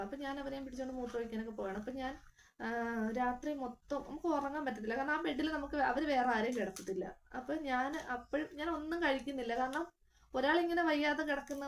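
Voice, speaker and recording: A woman's voice: high-pitched, slight background noise. A young woman, earnestly retelling a hard family hospital stay in a casual vlog, with many fillers. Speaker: vlogger. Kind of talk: casual personal storytelling.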